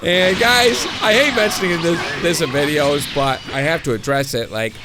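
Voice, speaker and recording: A young man hosts a gameplay video, speaking at an ordinary pace in a slightly high voice as he muses uncertainly and chuckles a lot. He's recovering from a cold, which makes him sound a little off. Game music plays underneath his casual commentary.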